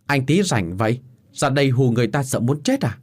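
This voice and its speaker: A young servant girl from a spoken story, clever and fond of gossip, voiced by a male narrator. She talks in a hushed, confiding way, in a husky voice with lively pitch. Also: brisk, lightly acted.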